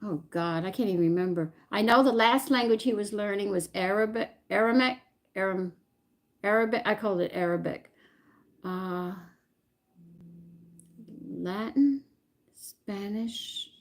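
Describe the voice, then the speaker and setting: During her home cooking live stream, the host talks casually with viewers and wanders verbally as she tries to recall details. Her mid-range voice moves at a measured pace, broken by long pauses.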